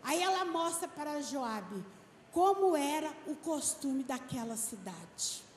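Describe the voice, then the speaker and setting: A woman pastor giving an emphatic sermon, stretching out key words slowly. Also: sits high, animated, a little hiss or hum. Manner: emphatic preaching, slow and drawn-out stresses. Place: church. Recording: echoey hall with long reverb, faint ambience.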